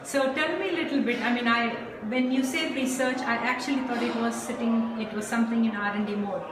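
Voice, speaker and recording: A woman host with a slightly high voice asks her guest easy, encouraging questions. She sounds set back from the mic in a very echoey space, with steady noise behind her. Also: fairly quick. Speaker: show host. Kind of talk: interviewing a guest. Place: noisy event venue. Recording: distant mic in echoey noisy venue.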